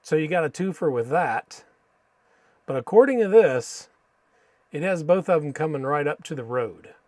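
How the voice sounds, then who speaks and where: Male stream host, American, dry close sound, casual halting map commentary, Spanish words in an American accent. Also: a little high, animated, darkish tone, no room sound. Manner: halting, thinking aloud. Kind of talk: casual live stream commentary while reading maps.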